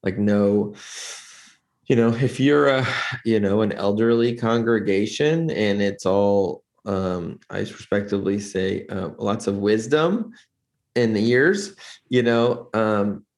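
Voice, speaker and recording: A man's voice: on the low side, slow, a little mellow. A man talking earnestly in a casual interview, rambling with many restarts as a church lighting director.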